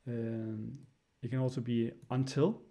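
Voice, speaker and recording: A man giving a casual spoken lesson, hesitant and filling pauses with "uh" and "right?". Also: medium pitch, flat delivery, dark tone. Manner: hesitant, many fillers, frequent "right?". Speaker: language teacher.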